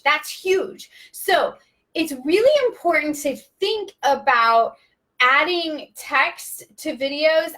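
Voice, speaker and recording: Lady running a live video class, high voice, rattles along super quick and chatty. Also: a bit bright. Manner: rapid, chatty, talks like an auctioneer. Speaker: social media video trainer. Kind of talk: casual live-stream teaching.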